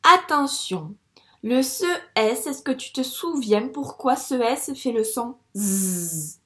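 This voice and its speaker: A woman teaching a reading lesson to young children in a patient, encouraging way, sounding out words slowly at the board. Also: fairly high pitch, expressive, fairly bright tone, roomy sound. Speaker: primary school teacher. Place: classroom with a board.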